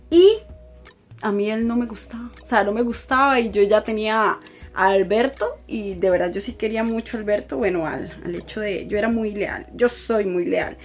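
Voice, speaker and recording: A young woman with a Costa Rican accent telling a personal story in a chatty, animated way, laughing often. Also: mid-range voice. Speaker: vlogger. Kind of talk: casual storytime.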